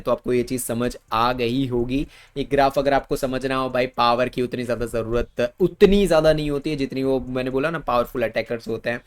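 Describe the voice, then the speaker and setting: A man's voice: mid-range voice, clean tone. A man with an Indian accent explaining badminton racket choice over slides in casual Hindi, repeating words for emphasis. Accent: Indian Hindi with English terms. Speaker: badminton coach.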